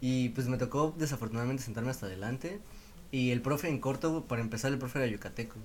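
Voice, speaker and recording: A man's voice: medium pitch, quick pace, slight background noise. A young man and university student with a Mexican Spanish accent co-hosting a podcast, telling stories in slangy casual chat. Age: young adult. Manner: slangy storyteller, animated when joking. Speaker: podcast co-host.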